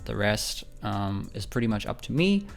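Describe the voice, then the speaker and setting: A man's voice: fairly low pitch, big pitch swings, moderate pace, creaky, faint music behind. A man hosting a home-building game video, talking casually over the footage with a friendly, apologetic manner and many ums. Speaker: speed-build video host.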